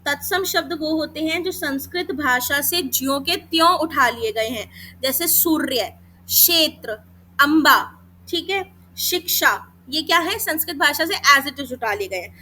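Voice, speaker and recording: A woman teaching a Hindi grammar lesson for exam preparation, calling students beta and mixing in English terms while sounding out letters slowly. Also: sits high, expressive, sharp tone, a little hiss or hum.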